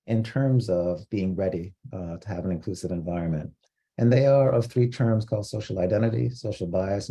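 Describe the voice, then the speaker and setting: A man from Costa Rica giving an online training lecture, explaining terms in a measured way with frequent fillers. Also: deep voice, warm tone, husky. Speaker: diversity trainer.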